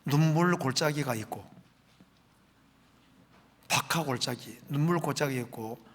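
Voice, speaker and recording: Middle-aged man, pastor, sermon; bright forceful tone, slightly high, slow emphatic scripture reading. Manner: preaching, reading scripture aloud slowly with rising emphasis.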